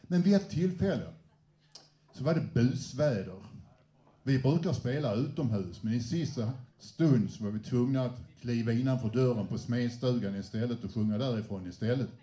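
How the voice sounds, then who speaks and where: A man's voice: medium pitch, animated, dark tone. A man fronting a music group, introducing songs to a live audience in a chatty, anecdotal way with small hesitations. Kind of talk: live stage announcements. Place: indoor venue with a live audience. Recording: roomy echo.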